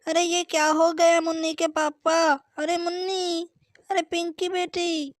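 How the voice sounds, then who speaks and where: A woman's voice: very high voice, level tone, measured pace, no echo, clean studio sound. A woman playing an anxious village mother. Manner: fretful, exclaiming.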